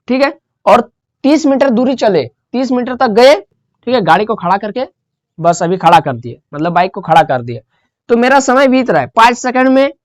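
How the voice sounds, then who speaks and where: A woman's voice: a little high, no room sound, studio quality. A woman teaching a physics lesson, explaining step by step and repeating the key terms. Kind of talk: classroom lecture.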